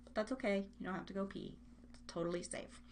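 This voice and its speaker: This live radio and podcast host has a mid-range voice and talks fast, with a little hiss or hum in the recording. On her online show she chats casually and playfully, rambling and interrupting herself as she speaks to listeners.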